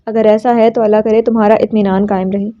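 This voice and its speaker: A woman reading as a gentle fatherly uncle. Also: mid-range voice, little pitch movement, natural voice. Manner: soft and affectionate. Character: kindly elderly male uncle, gentle and fatherly. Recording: slightly dull lo-fi recording.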